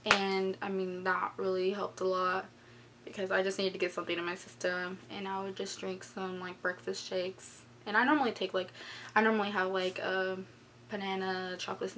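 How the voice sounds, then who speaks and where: Young woman, mid-pitched, casual vlogger, halting and rambling delivery, bedroom camera sound with some noise. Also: a bit bright. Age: young adult. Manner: halting, rambling, frequently rephrasing. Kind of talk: casual personal vlog chat. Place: small bedroom indoors.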